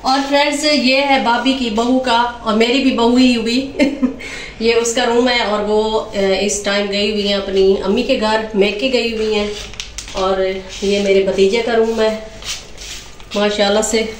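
A middle-aged woman with a Pakistani Urdu accent talks casually to her viewers, pointing things out as she walks through a village house. Her voice sits a little high. The phone recording is roomy and echoey, with clear outdoor noise behind her. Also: fairly even intonation, measured pace. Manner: chatty, addresses viewers as friends, points things out. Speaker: vlogger. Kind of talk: casual home tour vlog. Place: village house rooftop and rooms.

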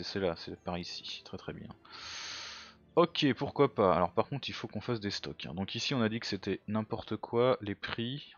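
Low-voiced man muttering through a strategy game. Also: muffled recording. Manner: thinks aloud, muttering to himself; self-mocking. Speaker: let's play gamer. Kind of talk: casual game commentary.

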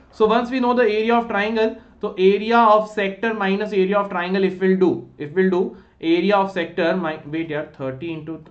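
Higher-pitched Indian male teacher, roomy sound. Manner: instructive, often checking that students follow. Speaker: online maths teacher. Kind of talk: live online lesson explanation, mixing English with Hindi. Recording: roomy echo, slightly dull sound.

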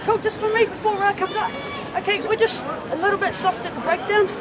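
A woman giving tactical instructions in a halftime pep talk to her team on an outdoor pitch. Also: brisk, over a noisy crowd. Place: outdoor sports pitch in a city. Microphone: distant handheld camera. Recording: outdoor field, loud ambient noise and voices.

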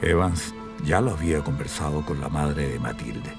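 Deep-voiced grave male narrator. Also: normal speed, music in the background. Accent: Chilean. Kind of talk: scripted documentary-drama narration.

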